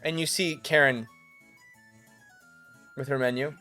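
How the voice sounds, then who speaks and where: A man narrating an improvised tabletop game as game master in a halting, casual storytelling way. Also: medium pitch, fairly even intonation, sharp tone. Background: music.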